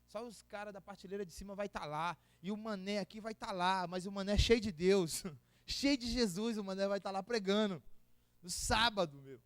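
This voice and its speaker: A man with a São Paulo accent, preaching a lively testimony sermon and acting out the people in his story in slangy street talk. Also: high voice, moderate pace, dry recording. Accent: São Paulo Portuguese. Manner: animated storytelling with slang and acted-out quotes. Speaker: pastor.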